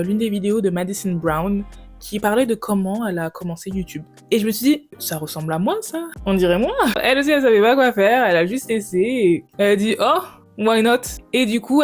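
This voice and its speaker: A French YouTuber in her late twenties talks casually to the camera in a vlog, her voice medium-pitched with a darkish tone. She's chatty and playful, dropping English words into her speech.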